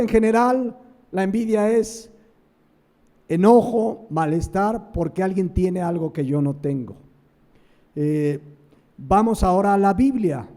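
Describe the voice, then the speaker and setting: A man preaching a sermon with a Mexican Spanish accent, teaching deliberately and asking the congregation questions. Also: high-pitched, dark tone. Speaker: pastor.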